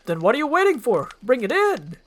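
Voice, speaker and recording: A small, pompous fairy-tale lord with menace in him acted by a woman. He speaks in a haughty, taunting way with broad, theatrical swings of pitch. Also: very animated, fairly quick. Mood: commanding. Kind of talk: dramatized screenplay reading.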